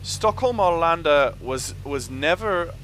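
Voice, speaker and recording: A man's voice: fairly high pitch, expressive, takes it slowly, a bit bright. A man giving casual live commentary as a flight sim streamer, thinking aloud hesitantly as he works through procedures. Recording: clear engine hum behind voice. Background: simulated propeller aircraft engine noise.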